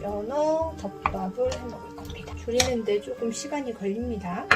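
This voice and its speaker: A woman's voice: fairly high pitch, lively intonation, normal speed, over loud music. A woman cooking vlogger giving casual step-by-step narration, chatty and polite as she talks straight to viewers.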